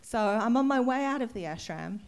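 A woman yoga teacher tells a gathering at an ashram how she came to teach. She speaks candidly and sounds emotional, letting soft laughs slip in. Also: fairly high pitch, lively intonation, normal speed, smooth. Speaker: yoga teacher giving a satsang talk. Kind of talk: personal story told to a gathering. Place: ashram hall.

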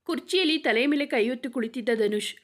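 A woman's voice: sits high, fast talker, a bit bright. A woman reading a romantic story aloud, narrating and speaking every character in much the same voice.

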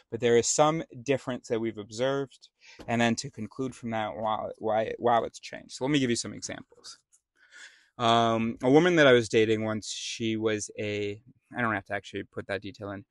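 Rambling man thinking out loud. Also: mid-range voice, no echo, clean studio sound. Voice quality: rambling, self-interrupting. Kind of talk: casual spoken monologue.

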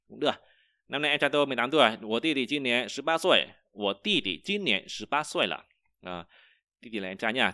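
A man teaching a vocabulary lesson, explaining each word and repeating example sentences slowly, with frequent hesitations. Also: mid-range voice, sharp tone, clear, resonant tone, no room sound, clean studio sound. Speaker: Chinese teacher.

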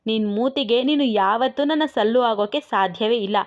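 A woman's voice: a little high, moderate pace, close to an everyday voice. A woman voicing a feisty young woman in a romantic audio story who scolds and calls names. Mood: scolding. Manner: scolding, name-calling, pleading. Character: feisty young village woman, sharp-tongued. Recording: dull lo-fi recording.

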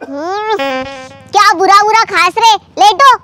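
A woman plays a bossy little quack doctor who scolds everyone around her, speaking with a Khandeshi Hindi accent. Her voice is extremely high and piercing. Loud music plays underneath. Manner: bossy, scolding, quick retorts. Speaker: fake street-clinic doctor. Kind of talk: comedy sketch acting.

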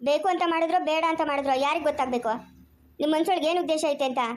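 An accusing young mother, played by a woman in an amateur family drama, speaking with a Chikkaballapur Kannada accent. Her voice sits very high and her sharp scolding comes rapid-fire. She hurls blame at her in-laws without letting up. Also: natural voice. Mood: furious.

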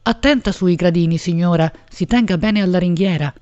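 A woman's voice: lowish voice, fairly quick, warm tone, dull audio, lightly acted. A woman reading an audiobook, voicing a courteous male water-taxi driver who speaks formally. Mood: polite. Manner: courteous, respectful.

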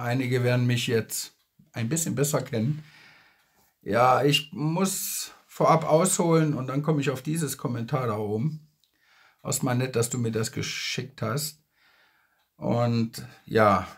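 A man in his fifties from Germany talking casually and earnestly to his followers, emphatic and often repeating himself, recorded indoors on a phone. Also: medium pitch. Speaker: social media creator. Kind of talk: casual video message to followers. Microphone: phone at arm's length.

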